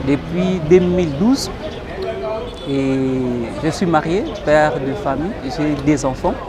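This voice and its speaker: A man's voice: a little high, slow pace, a loud crowd. A Congolese man being interviewed as a guest, explaining in French with some Lingala phrases and frequent hesitations. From Democratic Republic of the Congo.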